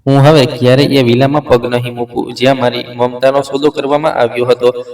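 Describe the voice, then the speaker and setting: A man's voice: medium pitch, level tone, fairly quick, darkish tone, natural voice. A man reading the lines of a bitter, cold young pregnant wife in a dramatized story, clipped and cutting. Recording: roomy, distant mic.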